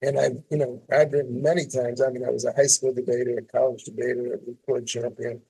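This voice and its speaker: A man's voice: mid-range voice, level tone, quick pace, vocal fry, dark tone, breathy edge, poor audio. An older man, a columnist talking reflectively in an interview with many restarts and fillers. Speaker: guest columnist. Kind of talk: casual interview talk.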